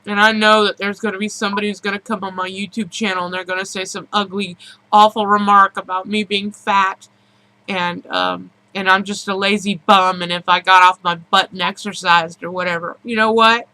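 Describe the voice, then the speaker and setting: A woman talks in a candid, emotional confessional style, as if to her own video channel. Her voice is bright and intense, sitting at a medium pitch. She presses each point earnestly, often repeating phrases for emphasis. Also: little pitch movement, fairly quick, low-quality recording. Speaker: personal video blogger.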